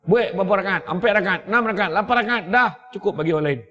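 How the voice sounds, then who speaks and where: Malaysian guy giving a funny sermon, acts stuff out, kinda high voice, dull muffled recording. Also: racing. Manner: lively storyteller acting out scenes. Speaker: preacher. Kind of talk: humorous sermon. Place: mosque or prayer hall. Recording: echoey hall, dull lo-fi sound.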